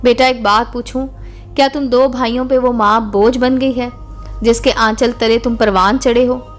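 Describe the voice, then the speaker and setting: A kindly old holy man gives soft, fatherly counsel in a storybook tale, as a woman reads him. The voice sits fairly high, with faint music playing underneath. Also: steady tone, moderate pace, close to an everyday voice. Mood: tender. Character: wise old bearded male holy man, gentle.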